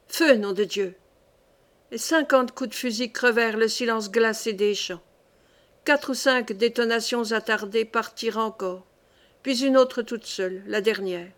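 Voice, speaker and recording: A woman narrating a classic short story in a measured, expressive way. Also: a little high. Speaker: reader. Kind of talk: literary audiobook narration.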